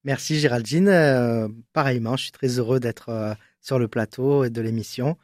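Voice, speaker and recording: A man from Marseille, in his thirties, a guest in a studio interview, talking in a relaxed and hesitant way with many fillers. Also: medium pitch, normal speed, no room sound. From Marseille, southern France. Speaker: guest, school photographer. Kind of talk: interview conversation.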